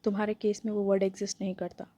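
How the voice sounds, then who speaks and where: A woman's voice: mid-range voice, steady tone, brisk, creaky, mellow. A woman voicing a cocky, possessive young man who taunts in a dry, mocking way.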